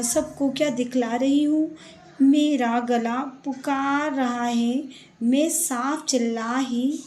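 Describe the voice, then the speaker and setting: Woman teacher, high voice, patient explanations for children, faint room hum. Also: mellow. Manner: slow, patient, explains line by line.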